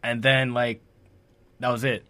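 A man's voice: medium pitch, flat delivery, unhurried, pushed and bright. A young man co-hosting a casual chat, explaining things in loose, informal language with some swearing. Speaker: podcast co-host.

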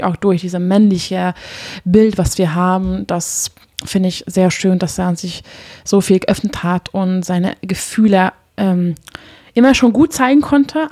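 A woman's voice: mid-range voice, warm tone, dry recording. A woman talks about her life in an open, heartfelt, chatty way, stumbling and restarting often. Her voice sits in the middle register. It is recorded close and dry, with no room sound. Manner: open, emotional, chatty with frequent fillers. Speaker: podcast guest, couples therapist. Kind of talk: casual heartfelt conversation.

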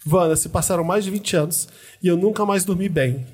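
A man with a Brazilian Portuguese accent, hosting a podcast and reading listener ghost stories aloud in a measured, dramatic way. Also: high voice, a little mellow, slightly rough. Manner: reads letters in a measured, dramatic way. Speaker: podcast host.

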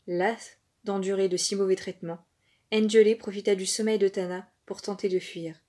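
A woman narrating an African folk tale for children in a calm, expressive storytelling voice. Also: mid-range voice, normal speed.

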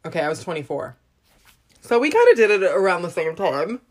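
A woman's voice: fairly low pitch, fairly quick. A woman in her thirties hosting a podcast, chatting casually and telling stories with lots of laughs. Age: 30s. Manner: giggly, rambling, animated storytelling. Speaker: podcast host. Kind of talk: casual chat.

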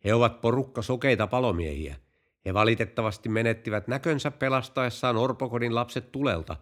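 A man voicing a calm male golf course owner in a told joke, answering in a matter-of-fact way. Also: medium pitch, lightly acted.

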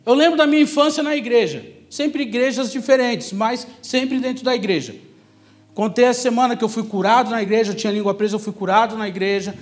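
This man's very high-pitched voice moves a little fast. He has a São Paulo Brazilian accent and delivers a sermon built on his own testimony, speaking conversationally but with emphasis and repeating important phrases for effect.

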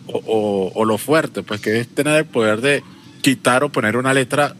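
Bright-voiced man. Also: medium pitch, normal speed, a little hiss or hum. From Venezuela. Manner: animated, explains with emphatic repetition. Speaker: podcast co-host. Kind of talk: casual chat.

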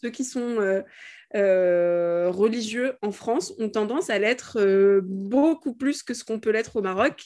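A woman's voice: mid-range voice, slow pace, darkish tone. Hesitant young woman from Morocco. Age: 20s. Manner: thoughtful, many hesitations. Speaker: guest. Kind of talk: casual podcast discussion.

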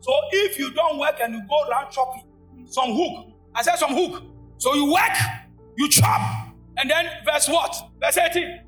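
Pastor yelling a sermon at church, super high sharp voice, call and response stuff. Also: male voice, moderate pace, soft background music. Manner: shouting, call-and-response preaching. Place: church service.

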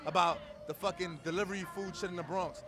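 A man from Queens with a New York accent, co-hosting a casual podcast and telling an animated, profane story with acted-out quotes. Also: high voice, quick pace. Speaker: podcast co-host. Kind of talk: casual chat.

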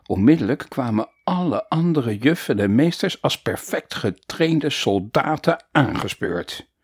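Husky man reading a children's story slowly. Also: mid-range voice, no echo, studio quality. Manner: animated, playful storytelling. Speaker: audiobook narrator. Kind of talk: expressive children's storybook narration.

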